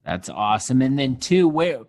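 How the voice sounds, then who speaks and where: A man's voice: medium pitch, sing-song, moderate pace, vocal fry, a little mellow, no room sound, clean studio sound. A man hosting a podcast, asking questions in a friendly way with hesitant fillers. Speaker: podcast host.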